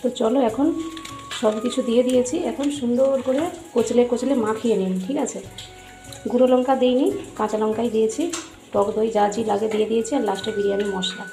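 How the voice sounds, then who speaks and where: A woman's voice: fairly high pitch, fairly even intonation, fast, warm tone, roomy sound, faint music behind. A woman chatting through a casual cooking vlog in her home kitchen, often checking in with viewers. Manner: chatty, keeps asking "right?". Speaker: vlogger. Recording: noisy home recording.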